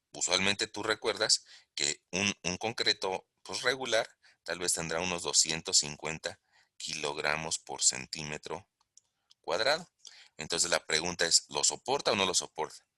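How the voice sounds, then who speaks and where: A man's voice: low-pitched, pushed and bright, no room sound, clean studio sound. A man giving a recorded online engineering lesson, explaining step by step and asking the class questions. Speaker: engineering lecturer. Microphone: close mic while writing on a tablet.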